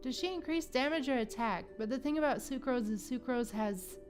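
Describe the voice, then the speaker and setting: Talking fairly quickly in a high voice, a woman plays a video game on her livestream and chats informally with the people watching, swearing at times. Game music runs in the background.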